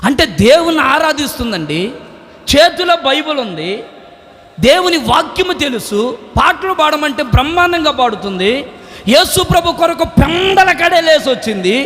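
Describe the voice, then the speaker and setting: A man pastor preaching an Easter sermon with passion, asking rhetorical questions and shouting at his climaxes. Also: very high voice, sing-song, normal speed. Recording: long church-hall reverb.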